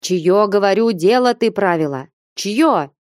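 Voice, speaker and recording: A woman's voice: medium pitch, lively intonation, a little slow, a little mellow, dry recording, close to an everyday voice. A woman reading aloud and voicing a stern, fiery old abbess who scolds and commands in a raised voice. Dry, close sound. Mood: demanding.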